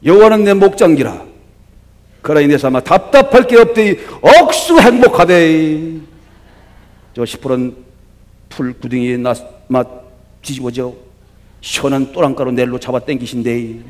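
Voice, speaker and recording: A man voicing a cheerful male believer who recites a psalm in a Gyeongsang dialect, loudly and emphatically. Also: fairly high pitch, lively intonation, moderate pace, lightly acted. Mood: hearty.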